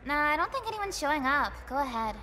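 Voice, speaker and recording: A woman's voice: high-pitched, sing-song, quick pace, sharp tone, exaggerated voice. An actress voicing a blunt, gossipy sixteen-year-old schoolgirl in a video game, chatty and casually profane.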